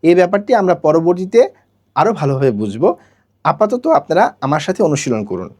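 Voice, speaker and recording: A Quran recitation teacher giving a pronunciation lesson, drilling syllables slowly and asking students to repeat after each one. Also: mid-range voice, very animated, a little mellow.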